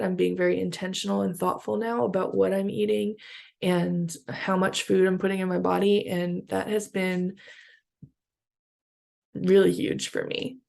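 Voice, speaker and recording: A woman's voice: mid-range voice, vocal fry, a little mellow. A woman vlogger in upbeat, chatty talk to camera, with many fillers. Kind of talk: casual vlog chat.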